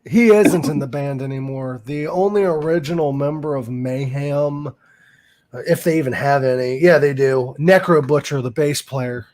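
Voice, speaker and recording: This man's mid-range voice moves at a moderate pace. As host of a casual podcast, he's chatty and fussy, keeps correcting facts, and laughs at dark humor.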